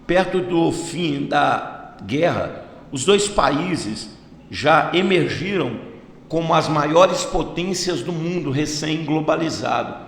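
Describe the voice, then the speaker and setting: A man's voice: a little high, a bit bright. A Brazilian man reading a history script as a channel host, stumbling and restarting now and then. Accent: Brazilian Portuguese. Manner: reads a script, with slips and restarts. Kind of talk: read-aloud history narration. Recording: echoey room with long reverb, faint hiss.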